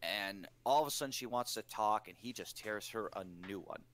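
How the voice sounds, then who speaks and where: Casting note: man, lowish voice, chatty and enthusiastic storyteller. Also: brisk, fairly bright tone. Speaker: podcast co-host. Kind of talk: casual chat.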